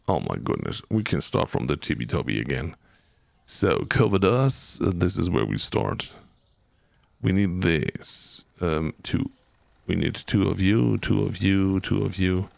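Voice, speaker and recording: A man's voice: low-pitched, creaky, a little mellow, no room sound. A man streaming a game and chatting with his viewers, humming and scatting to himself as he plays, close to the mic. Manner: chatty, hums and scats to himself, reads chat aloud. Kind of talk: casual gameplay commentary to chat.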